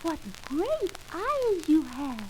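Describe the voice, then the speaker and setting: A sweet little girl, voiced by a woman on an old storybook record, cheerful and trusting. She speaks in a childlike sing-song that sits extremely high. Her voice leaps up and down with lively swings. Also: slow pace, slight background noise, heavily acted, low-quality recording. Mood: innocent.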